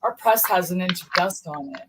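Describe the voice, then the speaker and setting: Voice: mid-range voice, animated, a little fast, a little hiss or hum, poor audio. A co-host in casual chat, giggly and often apologetic.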